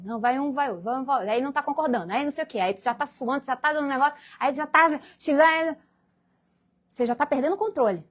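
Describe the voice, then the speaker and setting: A woman from Brazil giving a spiritual lecture to a congregation, acting out little scenes in different voices as she goes. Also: high-pitched. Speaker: guest speaker at a Spiritist meeting.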